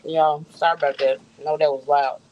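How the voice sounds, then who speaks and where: A woman's voice: deep voice, little pitch movement, brisk, muffled recording, a little hiss or hum. A woman vlogging outdoors, chatting casually to her viewers with lots of fillers and easy laughs. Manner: rambling, laughs often, many fillers. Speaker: vlogger host.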